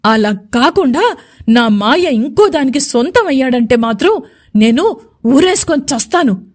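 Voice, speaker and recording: A woman's voice: big pitch swings, moderate pace. A woman putting on a stubborn, resentful young woman. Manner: taunting, shrill complaints.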